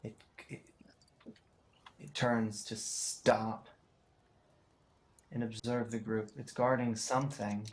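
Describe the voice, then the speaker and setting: A man's voice: fairly low pitch, level tone, takes it slowly, long pauses. A man narrating a tabletop role-playing game as game master.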